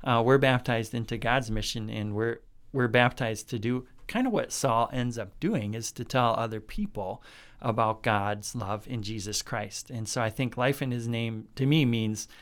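Man pastor, smooth resonant voice, mid pitch, reflective and easygoing with fillers. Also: normal speed. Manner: thoughtful, filler-laden. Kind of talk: casual podcast discussion.

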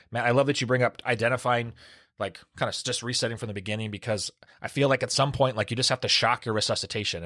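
A man's voice: lowish voice, fairly bright tone, no room sound, studio quality. A man hosting a medical panel discussion, an emergency physician who asks questions and sums up his guests' answers. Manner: quick, conversational, asks questions and sums up the others. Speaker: podcast host and emergency physician.

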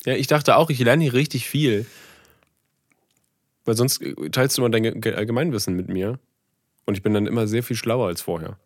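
A man's voice: mid-range voice, brisk, pauses often, no echo. Joking man, dry close sound. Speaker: podcast co-host. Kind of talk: casual chat.

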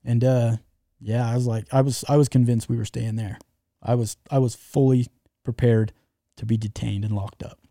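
Man with a very dark, mellow voice. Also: medium pitch, flat delivery, normal speed, no room sound, clean studio sound. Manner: rambling, many fillers and restarts. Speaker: guest telling a travel story. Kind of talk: casual storytelling.

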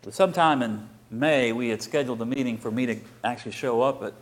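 A middle-aged man, a pastor telling a personal story in a conversational sermon, quoting other people in lively bursts. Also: medium pitch, quick pace.

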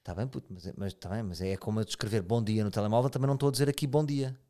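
A man's voice: on the low side, rapid-fire, warm tone. A man with a European Portuguese accent hosting a casual chat, asking probing, reflective questions.

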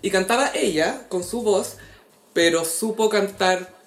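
A woman's voice: medium pitch, unhurried. A woman with a Chilean accent co-hosting a casual gossip chat, telling stories and acting out what people said. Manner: animated storyteller who acts out quotes. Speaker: podcast co-host. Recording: roomy echo.

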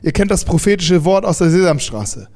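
A man with a high-pitched voice preaches a sermon to his congregation. He talks in a lively, emphatic way, restarting sentences and dropping casual slang among the teaching. His voice rises and pushes forward when he makes a point. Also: fairly quick.

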